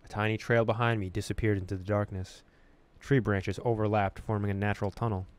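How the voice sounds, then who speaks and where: A man reads a horror visual novel aloud as a gaming host, his storytelling expressive yet casual. His voice is smooth and fairly low, and he moves at a fairly quick pace.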